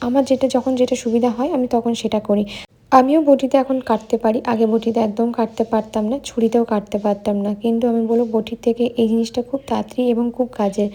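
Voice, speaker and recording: Hoarse woman vlogging while she cooks. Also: fairly high pitch, dark tone. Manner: chatty, talks straight to viewers. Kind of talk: casual vlog narration while cooking. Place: home kitchen.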